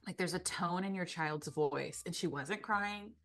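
A woman in her thirties, a guest co-host on a casual podcast, telling a story in an animated way and acting out what people said. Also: lowish voice, unhurried, soft background music. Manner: animated storyteller, acts out quotes.

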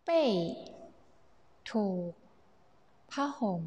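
A woman's voice: extremely slow, warm tone, lo-fi sound. A woman narrating a scripted bedtime language lesson for learners. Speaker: narrator of a Chinese vocabulary lesson for Thai speakers. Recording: long reverb, music behind the voice. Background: music.

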